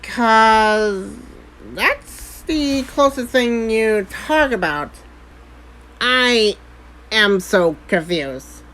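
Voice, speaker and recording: A woman joins in on the commentary, hesitant and often searching for her words. She speaks very slowly in a bright voice, and faint noise sits behind her. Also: a little high, lively intonation, poor audio. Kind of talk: casual commentary chat.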